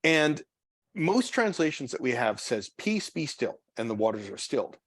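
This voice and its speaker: A pastor leading a church study group, talking casually and haltingly with many restarts and repeated words. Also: male voice, medium pitch, very animated, a bit bright, no room sound, clean studio sound. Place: church meeting room.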